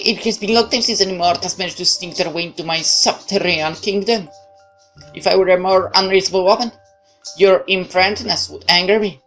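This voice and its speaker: A woman's voice: lowish voice, sharp tone, pitched above the performer's own voice. A woman voicing an imperious ancient goddess in a game story, formal and haughty, speaking like a mock-polite hostess with rage held beneath the civility.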